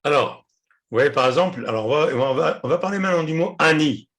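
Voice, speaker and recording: A man teaching a class, explaining patiently, repeating words and pausing often with hesitations. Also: on the high side, expressive, fairly bright tone. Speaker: Hebrew teacher.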